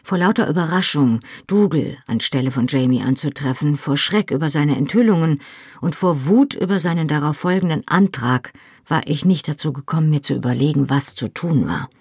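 A reader narrating a novel in the first person with measured storytelling. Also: female voice, sits low, expressive, a little mellow, slightly rough, dry recording, studio quality. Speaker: audiobook narrator.

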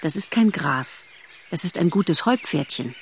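Woman voicing a gentle, patient mother deer. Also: low-pitched, expressive, slight background noise. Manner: soft, slow and soothing. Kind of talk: storybook character voice in an audiobook.

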